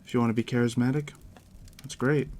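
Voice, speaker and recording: In this ASMR roleplay, a male game master explains tabletop rules straight to the listener, his medium-pitched voice hushed and gravelly. His delivery is slow, gentle, and conversational. Behind him there's constant background noise and the crackle of a fire.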